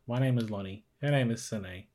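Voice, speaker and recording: A man's voice: mid-range voice, a little fast, a little mellow. A man with an Australian accent hosting a casual podcast, teasing his co-host in playful banter. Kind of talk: casual chat.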